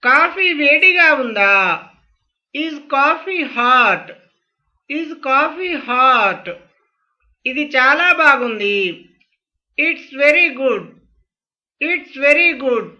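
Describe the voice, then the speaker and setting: Teacher voice, high-pitched, very slow, each phrase repeated twice, sharp bright tone. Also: expressive, lo-fi sound. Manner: says each English phrase twice, slowly and clearly. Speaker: spoken English teacher.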